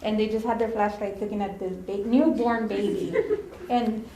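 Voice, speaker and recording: A woman speaks at a memorial, telling anecdotes in a chatty, easygoing way and slipping Spanish phrases into her English. Her voice sits at an ordinary middle pitch. The podium mic picks up a reverberant chapel with a faint ambient hum behind her. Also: steady tone, normal speed, warm tone. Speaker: former ambulance partner giving a eulogy. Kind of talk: storytelling eulogy. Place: funeral home chapel.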